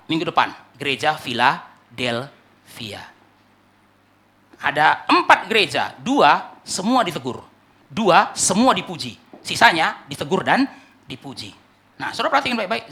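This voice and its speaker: A male pastor preaching a sermon emphatically, rising to loud climaxes and dropping to low asides. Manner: repeats "saudara yang dikasihi oleh Tuhan" as a refrain.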